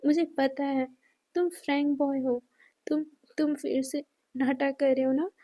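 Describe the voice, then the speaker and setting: A woman's voice: sits high, fairly even intonation, measured pace, dark tone. A woman voicing a grief-stricken young man in denial, pleading and stumbling over his words. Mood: desperate pleading.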